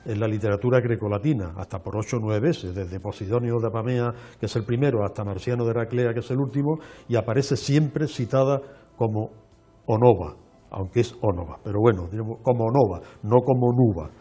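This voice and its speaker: Guy on a tv show explaining things slow and careful, kinda mellow dark voice. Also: mid-range voice. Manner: measured, lecturing, with frequent restarts. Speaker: archaeologist guest. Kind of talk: explanatory interview talk. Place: television studio.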